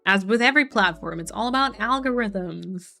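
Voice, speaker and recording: A young woman chats casually on a live stream at a mid-range pitch, reading viewers' messages aloud and answering them. Her talk is loose and full of "like" and "um". Soft music plays faintly underneath. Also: expressive, moderate pace, creaky. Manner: frequent fillers like "like" and "um". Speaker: streamer chatting with her chat.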